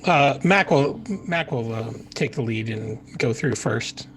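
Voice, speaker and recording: A man's voice: mid-range voice, a bit bright, slight background noise. A man playing a tabletop game, joking dryly in character. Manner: slow, dry joking. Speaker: player. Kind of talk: casual tabletop role-play.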